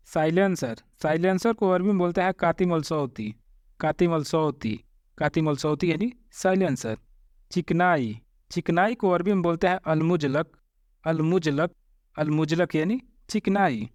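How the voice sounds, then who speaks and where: A man giving a vocabulary lesson, addressing his viewers as friends and saying each word slowly and more than once. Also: a little high, a little mellow, dry recording. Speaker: Arabic teacher.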